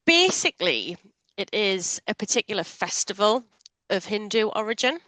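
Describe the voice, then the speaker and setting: A woman's voice: mid-range voice, sing-song, moderate pace, sharp tone, poor audio. A woman playing a panel guessing game, chatting bluntly with plenty of swearing. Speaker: panel player. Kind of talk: casual panel game chat.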